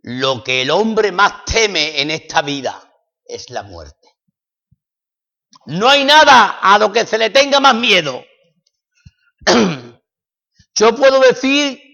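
A man from preaching a sermon, swinging dramatically between loud declarations and hushed passages. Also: very high-pitched, vocal fry. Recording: echoey hall, dull lo-fi sound.

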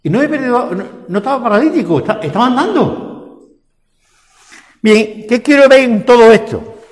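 A man's voice: very high voice, expressive, normal speed. An older man with a Spanish accent from Spain, preaching a sermon and asking repeated rhetorical questions. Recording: echoey hall with long reverb.

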